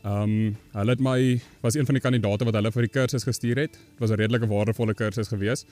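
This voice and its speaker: Low-voiced man, calm and matter-of-fact. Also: fast talker. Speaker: feed mill worker. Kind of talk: interview testimonial.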